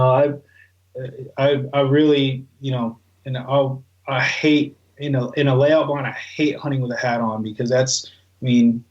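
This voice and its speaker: A man's voice: mid-range voice, a little mellow, muffled recording. A man talking casually as an interview guest, in a rambling, colloquial, conversational way. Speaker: guest, goose calling expert.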